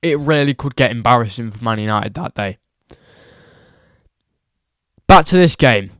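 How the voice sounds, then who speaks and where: Young guy venting about football, slow and fed up, clean dry mic. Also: medium pitch, lively intonation, a bit bright, dry recording. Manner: exasperated, repeats points for emphasis. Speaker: football vlogger. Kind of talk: ranting football commentary.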